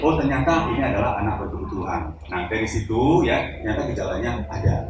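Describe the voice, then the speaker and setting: A man's voice: on the low side, lively intonation, quick pace. Joking male seminar speaker in an echoey hall. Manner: joking, addresses audience directly, acts out examples. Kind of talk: live seminar talk to an audience. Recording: echoey hall, voice from far off, noisy.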